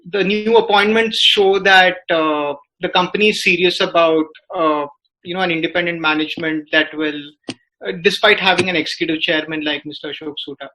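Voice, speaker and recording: This business reporter, who has an Indian accent, analyzes news on a podcast in a halting manner, using many fillers. His high-pitched voice has a sharp tone. The recording quality is low.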